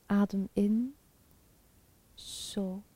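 A woman guiding a chakra meditation in a soft, calm, half-whispered spa-like voice with long pauses. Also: medium pitch, no echo. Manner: slow, calm, soothing, with pauses. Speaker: meditation guide.

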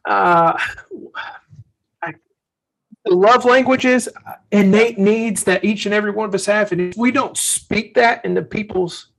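A man's voice: sits high, unhurried, vocal fry, long pauses, a bit bright, poor audio. A man co-hosting a faith-based parenting talk, speaking earnestly and telling stories from his own life as a father. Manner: earnest, storytelling, acts out quotes. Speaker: podcast co-host.

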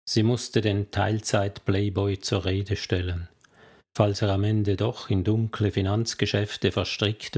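A man narrating an audiobook novel in a measured, even storytelling manner. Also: on the low side. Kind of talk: scripted narration.

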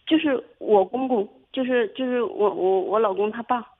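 A young woman calling in to a radio advice show, telling her story haltingly with many restarts. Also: fairly high pitch. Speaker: caller. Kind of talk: phone-in advice call. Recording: tinny phone line.

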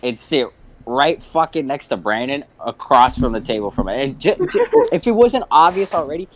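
A young man hosts a casual podcast and tells a story. His voice swings widely in pitch. He swears freely and laughs through the telling, with a mid-range voice. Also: moderate pace, a little hiss or hum. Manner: animated, profane, laughing storyteller. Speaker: podcast host.

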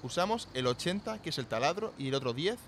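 Fast-talking fussy man. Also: fairly high pitch, animated, a bit bright, slight background noise. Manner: fussy, nagging about costs. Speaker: sketch comedy performer. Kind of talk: comedy radio sketch.

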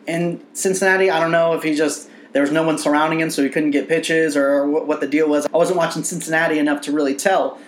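A man co-hosting a podcast in casual sports chat, animated and profane, laughing often. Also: fairly high pitch, quick pace, hardly any pauses, roomy sound, slight background noise. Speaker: podcast co-host.

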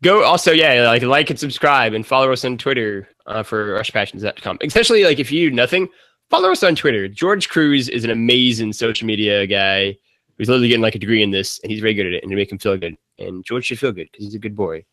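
A man's voice: mid-range voice, fast, fairly bright tone, dry recording. A man talking casually as a guest on a gaming podcast, rambling with lots of fillers and frequent laughs.

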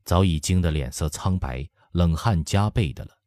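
A man narrating a historical novel as an audiobook, telling the story in an expressive way. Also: low voice, normal speed, dry recording. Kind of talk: scripted narration.

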